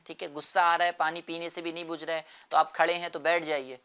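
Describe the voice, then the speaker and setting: A man's voice: fairly high pitch, flat delivery, pushed and bright, clear, resonant tone. A man explaining a moral lesson to children in an earnest way, repeating phrases and often checking with "right?".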